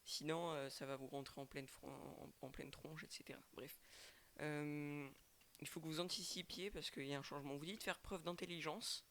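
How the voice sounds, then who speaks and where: Hesitant French man, gravelly voice. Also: fairly high pitch, steady tone, normal speed, a bit bright, a little hiss or hum. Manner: hesitant, repeats words and restarts often. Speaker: tarot reader and channel host. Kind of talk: casual tarot reading to webcam. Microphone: microphone with webcam.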